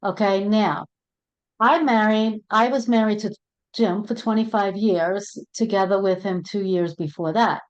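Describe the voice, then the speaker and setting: A middle-aged woman with a Brooklyn accent, who co-hosts and works as an end-of-life doula, speaks earnestly in casual conversation, repeating words as she goes. Her medium-pitched voice is steady and measured. The audio is dull and lo-fi.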